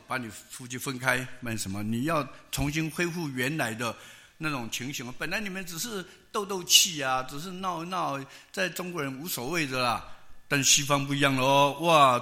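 An older pastor with a Taiwanese Mandarin accent delivers a sermon, his medium-pitched voice bright and forceful. He tells stories in a folksy manner, full of fillers and tag particles.

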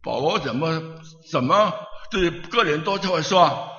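A man preaching a sermon as a pastor, telling stories in a lively way and chuckling now and then. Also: on the high side, a little slow. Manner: animated, chuckling storyteller. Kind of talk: storytelling sermon. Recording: echoey hall, slightly muffled.

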